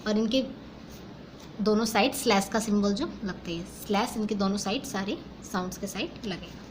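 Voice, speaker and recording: Mixing Hindi with English, a young Indian English-accented woman walks through a phonetics lesson one step at a time, posing questions and then answering them herself. Her voice is mid-range and her pace moderate, in a low-quality recording with slight background noise.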